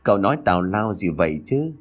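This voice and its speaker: A man's voice: low-pitched, big pitch swings, quick pace. A man reading as a shy, modest schoolgirl.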